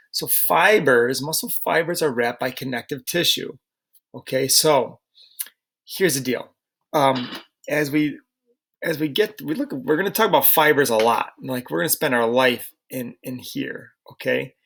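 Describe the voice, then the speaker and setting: A man's voice: mid-range voice, creaky, a bit bright. A middle-aged man teaching a recorded slide lecture, casual and chatty, often checking in with rhetorical questions.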